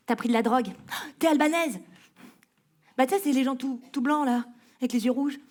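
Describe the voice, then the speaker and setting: A woman's voice: high voice, a little fast, a little mellow. A female comedian doing stand-up on a festival stage, teasing a spectator and playfully mangling words.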